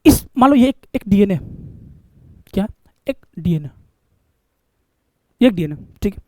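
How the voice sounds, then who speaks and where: A man's voice: sits high, animated, unhurried, dark tone, no echo, clean studio sound. A male biology teacher, lecturing a class and coaxing answers by asking questions and repeating key terms.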